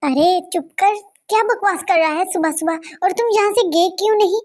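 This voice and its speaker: A high-voiced performer dubbing an irritated young male college student who snaps and scolds. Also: normal speed. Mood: annoyed. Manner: snappy, scolding. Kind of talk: Hindi fan dub.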